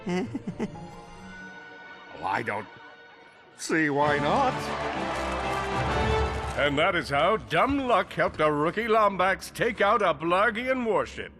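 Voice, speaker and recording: A self-important space hero captain in a video game, telling his tale with theatrical bluster. The voice sits a little high, with music playing clearly behind. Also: very animated, takes it slowly, long pauses, full character voice. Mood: grandiose. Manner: pompous, theatrical. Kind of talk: video game cutscene narration and dialogue.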